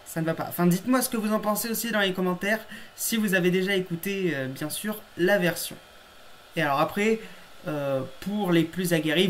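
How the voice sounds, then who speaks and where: A man's voice: high-pitched, slight background noise. Chatty man reacting, laughing at himself. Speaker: YouTube host reacting to his old episode. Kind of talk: casual reaction commentary.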